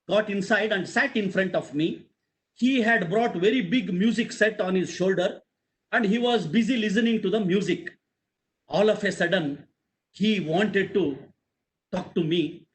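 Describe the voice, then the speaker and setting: An Indian man with a high-pitched voice delivers a motivational talk with strong feeling. He leans on repeated phrases and presses his points with emphasis. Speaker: webinar speaker.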